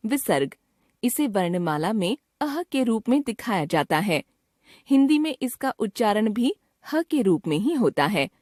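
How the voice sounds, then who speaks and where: Female teacher voice-over, unhurried, lively pitch, dry close sound, careful diction. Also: no room sound. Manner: slow, clearly enunciated word lists. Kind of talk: scripted grammar lesson narration.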